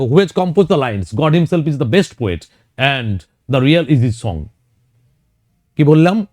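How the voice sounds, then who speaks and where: A man's voice: on the high side, a little mellow, dry recording, clean studio sound. A man teaching an exam prep lecture, walking students through questions one by one. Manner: explains questions one by one, addressing students directly.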